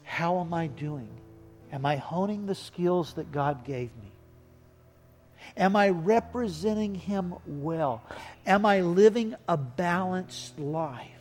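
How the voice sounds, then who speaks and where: A man's voice: high-pitched, expressive, takes it slowly, darkish tone. A man preaching a sermon, telling stories that build to emphatic points. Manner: storytelling, rising to emphatic. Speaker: pastor. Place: church sanctuary. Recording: echoey church hall with faint music.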